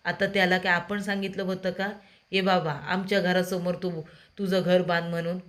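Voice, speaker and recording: A furious grown daughter in a storybook-style serial recap scolds her mother with bitter scorn, as a woman narrator puts her on. Her voice stays low and hard, pushed louder than plain narration. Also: flat delivery, moderate pace, close to an everyday voice. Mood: angry.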